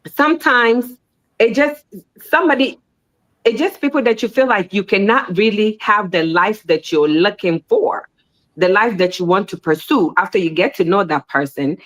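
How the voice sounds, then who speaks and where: Speaking at a moderate pace, a woman on a panel keeps things casual, animated and repetitive. Her pitch spikes when she lands a point, and the recording quality is rough.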